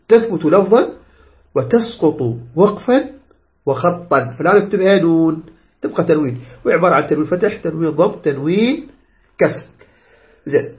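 A man teaching Quran recitation rules, explaining patiently, checking that students follow and modelling the recitation slowly. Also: on the high side. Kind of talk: tajweed lesson explaining a poem line by line. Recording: dull lo-fi recording.

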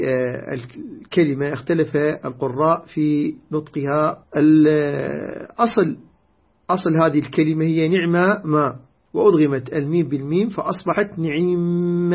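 Male recitation teacher, patient lesson tone, lightly raspy, slightly muffled audio. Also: a little high. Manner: slow, deliberate, repeats key words. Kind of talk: explanatory lesson on recitation variants. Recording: dull lo-fi recording.

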